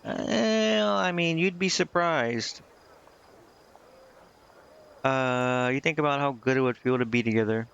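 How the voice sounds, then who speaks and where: He speaks slowly in a mid-range, gravelly voice that is fairly bright, clear, and resonant, leaving long pauses. Streaming a game, he talks casually and reads dialogue aloud hesitantly, fumbling words. The sound is slightly muffled, backed by game music.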